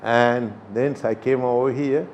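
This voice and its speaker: An older man from Sri Lanka, a Buddhist chief priest, answering interview questions in a halting way with many pauses. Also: medium pitch, fairly even intonation, darkish tone, slight background noise. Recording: slightly dull recording.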